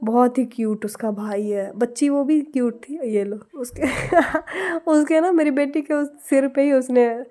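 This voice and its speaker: Chatty hoarse woman with a cold. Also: high voice, unhurried, warm tone. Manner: chatty, talks straight to viewers. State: hoarse from a cold, scratchy throat. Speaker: vlogger. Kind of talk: casual vlog narration.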